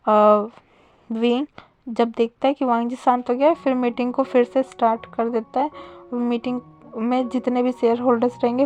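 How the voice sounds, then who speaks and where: A woman's voice: on the high side, a little mellow, lo-fi sound. A woman casually retelling a fan story in a chatty way, with fillers and self-corrections.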